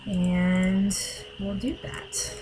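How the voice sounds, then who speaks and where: Unhurried woman streamer over game music. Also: medium pitch, low-quality recording. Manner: chatty, unhurried, talks to viewers. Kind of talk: casual game commentary. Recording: loud game music behind.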